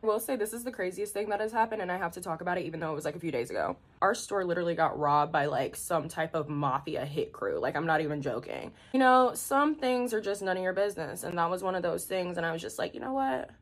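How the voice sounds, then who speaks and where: A woman's voice: on the low side, fast, few pauses. A young woman in her twenties, a beauty retail worker, chatting through work stories while doing her makeup, acting out the people she quotes. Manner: chatty, animated retelling with voiced quotes.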